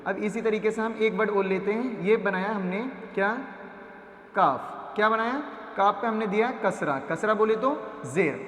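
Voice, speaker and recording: A man with a very high voice teaches Quran reading, drilling syllables one by one and answering his own questions. He drags out the long vowels slowly and patiently. The sound rings with long echo, like a big hall. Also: fairly bright tone. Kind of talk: patient step-by-step phonics lesson.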